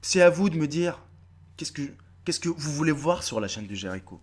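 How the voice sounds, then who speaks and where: A man's voice: on the high side, normal speed, slightly rough. A man in his thirties with a North African French accent, talking straight to his viewers in a casual, swearing, repetitive vlog. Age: 30s. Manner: animated, swearing, repeating himself, addresses viewers directly. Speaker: YouTube video creator. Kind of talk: casual face-to-camera vlog.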